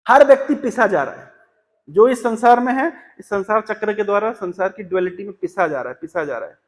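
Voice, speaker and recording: High-voiced man teaching a scripture class. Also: expressive, long reverb tail. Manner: storytelling, quotes couplets slowly and deliberately. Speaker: Bhagavatam class speaker. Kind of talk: Hindi scripture class talk. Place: temple hall.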